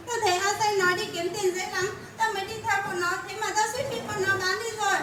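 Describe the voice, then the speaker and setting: A woman acting out an earnest village wife who pleads for her place at home. Her voice is very high and quick. It is heard from a distant mic in an echoey room. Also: steady tone, over music. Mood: pleading. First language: Hmong. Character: poor village wife, pleading then defiant. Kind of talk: amateur skit acting.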